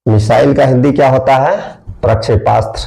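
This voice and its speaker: A man's voice: medium pitch, steady tone, creaky, dark tone, poor audio. A man teaching English spelling, spelling words out letter by letter, repeating them and quizzing his listeners. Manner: slow, repeats words and asks the class.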